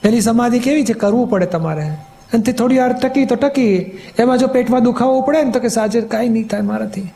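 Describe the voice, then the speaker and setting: A man's voice: extremely high pitch, brisk, dark tone. A man, a spiritual teacher, patiently explaining in a question-and-answer talk, often checking that he is understood.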